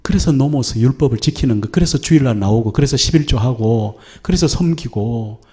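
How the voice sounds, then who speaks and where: A middle-aged male pastor delivering a Sunday sermon in a church. His voice is mellow and warm at an ordinary pitch. He preaches earnestly and at times sinks into a hushed whisper to press a point home. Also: brisk. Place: church sanctuary.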